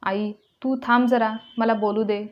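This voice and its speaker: A woman's voice: on the high side, level tone, measured pace, lightly acted. A woman voicing a grown daughter who confronts her sister-in-law sarcastically. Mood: scolding. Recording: dull lo-fi recording.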